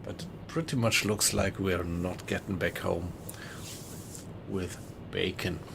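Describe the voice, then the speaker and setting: A man's voice: deep voice, measured pace, vocal fry, background noise. A man with a German accent, casually commentating a live game stream and chatting with viewers. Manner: relaxed, chatty, greets viewers in chat.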